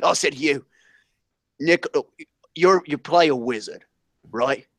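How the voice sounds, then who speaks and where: A man co-hosting a comedy podcast, talking in an animated, jokey, rambling way. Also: fairly high pitch, slow, no echo. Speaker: podcast co-host.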